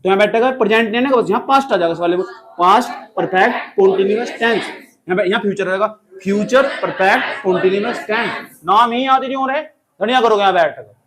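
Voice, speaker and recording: A man's voice: high voice, a little fast, a crowd in the background. A male teacher, quizzing and teasing students in a classroom lecture. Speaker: grammar teacher.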